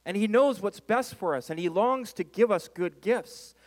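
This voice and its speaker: Guy pastor preaching, highish voice, really emphatic, repeats stuff for drama, big echoey hall. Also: animated, normal speed. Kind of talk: sermon. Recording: reverberant hall.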